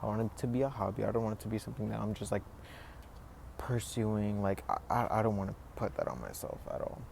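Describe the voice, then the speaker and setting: A man's voice: on the low side, fairly even intonation, fast, creaky, a little mellow. A man of twenty talking casually to camera, rambling and reflective, with many "like"s and "you know"s. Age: 20s. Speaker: vlogger. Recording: noisy background ambience.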